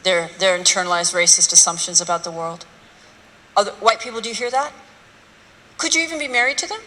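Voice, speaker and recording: A woman's voice: medium pitch, fairly even intonation, a little fast, pushed and bright. A woman giving a public lecture to a live audience, blunt and rhetorical, with mocking asides. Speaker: speaker giving a talk on race. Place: large hall with an audience. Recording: hall reverb, faint room ambience.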